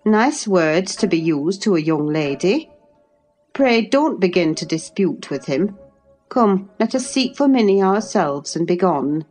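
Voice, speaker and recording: A sensible, gentle woman servant, read by a woman in her own low voice. She chides softly and takes her time. Faint music underneath. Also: expressive, a little slow. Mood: reproving. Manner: gentle, reproving.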